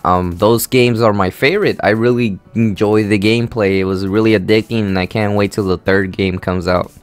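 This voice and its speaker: A man's voice: on the low side, steady tone, moderate pace, clean tone, faint music behind. An eighteen-year-old man from Honduras hosting a casual Q&A vlog, rambling with lots of fillers and an easygoing manner. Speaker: gaming channel host.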